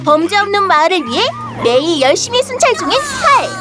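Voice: very high-pitched, very animated, brisk. A cartoon intro announcer narrating a children's show in a playful, exclamatory presenter's manner. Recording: music behind the voice. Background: music.

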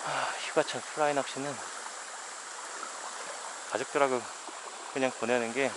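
A man speaks at medium pitch and normal speed, his intonation fairly even, as he fly fishes solo on a shallow mountain stream. The narration is casual, wry, and weary, filmed with a head-mounted action camera amid stream noise.

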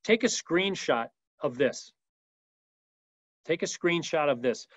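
A man with a fairly high voice teaches a business webinar in a lively, emphatic style. The sound is dry and a little dull, like audio from a video call. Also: takes it slowly, no room sound. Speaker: webinar presenter. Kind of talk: energetic business training talk. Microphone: video call mic.

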